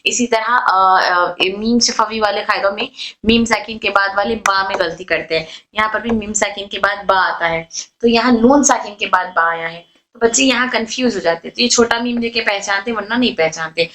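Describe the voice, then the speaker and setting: In an online tajweed lesson, a woman teaches recitation with patient explanations, repeating and drawing out the example sounds. Her medium-pitched voice is bright and forceful at a normal speed, though the recording quality is low.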